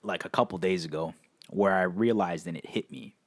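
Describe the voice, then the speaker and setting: A man's voice: sits low, fairly quick, vocal fry, dry recording. Laid-back man in his twenties, dry sound. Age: 20s. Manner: laid-back, laughs often, repeats "that's nuts". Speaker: podcast co-host. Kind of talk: casual chat.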